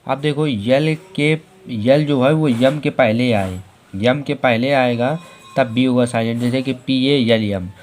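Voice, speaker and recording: A male teacher giving a slow spelling lesson, spelling out letters one by one and repeating each word several times. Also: medium pitch, a little hiss or hum. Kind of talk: Hindi spelling and pronunciation lesson.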